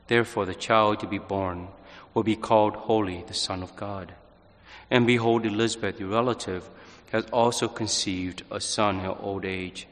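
A male priest reading the gospel and preaching at Mass, speaking in earnest, halting phrases with restarts, his voice carrying a cathedral echo. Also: lowish voice, a bit bright. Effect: cathedral echo, long reverberation. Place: large church. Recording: long church reverb.

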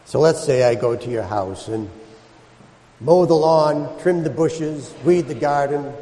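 A man's voice: medium pitch, mellow. Echoing male priest in a reverberant church. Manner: addresses listeners with questions and everyday examples. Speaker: priest reading the Gospel and preaching. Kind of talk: liturgical Gospel reading and homily. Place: large reverberant church, indoors. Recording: echoey church with long cathedral-like reverb.

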